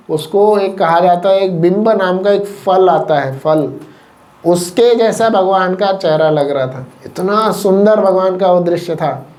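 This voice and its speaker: High-voiced man telling a devotional story. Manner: lively, animated storytelling with acted quotes and laughs. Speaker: kirtan storyteller.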